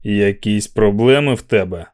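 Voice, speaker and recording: A man's voice: fairly low pitch, moderate pace, darkish tone, close to an everyday voice. A man reading an audiobook aloud, voicing a brawny, arrogant young man who swears and picks fights. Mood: angry. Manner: coarse, swearing, belligerent.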